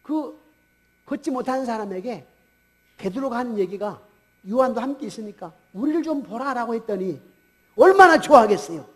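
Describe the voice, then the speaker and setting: High-voiced man preaching a sermon. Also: lively intonation, normal speed, pauses often, fairly bright tone, slightly rough. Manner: storytelling preaching with rhetorical questions. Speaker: pastor. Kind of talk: Sunday sermon. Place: church sanctuary.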